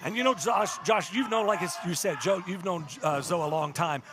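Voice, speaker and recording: A man giving excited wrestling commentary as an exclamatory, easily indignant announcer. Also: sits high, normal speed, background noise. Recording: crowd-filled live arena sound. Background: live crowd.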